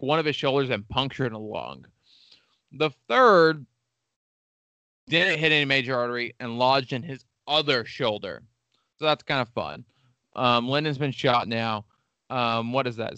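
A man's voice: mid-range voice, normal speed, bright, forceful tone, smooth, no room sound. A man hosting a casual history podcast, telling the story with crude jokes and lots of swearing. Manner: crude, joking, swears often. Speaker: podcast host.

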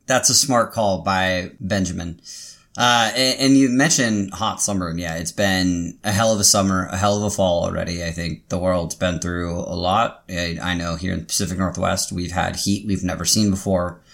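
Male co-host, American, low-pitched with plenty of fry, dry and relaxed conversational read. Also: normal speed. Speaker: podcast co-host. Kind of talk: casual podcast chat.

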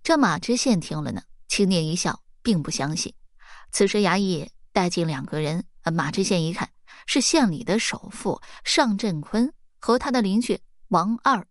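A woman's voice: on the low side, lively intonation, normal speed, no echo, studio quality. A woman narrating a folk tale, acting out the characters' lines with small shifts in her voice. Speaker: storyteller.

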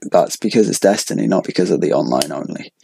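A man's voice: low-pitched, lively intonation, fast, creaky, mellow, husky, no room sound. A young man hosting a casual podcast, rambling with lots of filler words. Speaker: podcast host. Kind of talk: casual chat.

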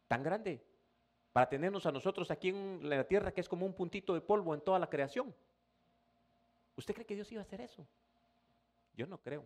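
A male pastor with a high-sitting voice preaches a sermon conversationally, often calling the listener brother and rising into emphatic bursts.

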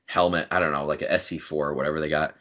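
A man's voice: rumbling low, little pitch movement, rapid-fire, a bit bright, dull audio. A man hosting a casual podcast, teasing his friends and telling stories in a joking way. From Long Island. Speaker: podcast host. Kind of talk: casual chat.

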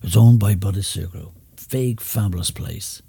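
An older Irish man, a retired entertainer and chauffeur, reminisces in an interview, rambling through anecdotes and jokes full of "you know what I mean" asides. His lowish voice is creaky, mellow and husky at a normal speed, with no room sound.

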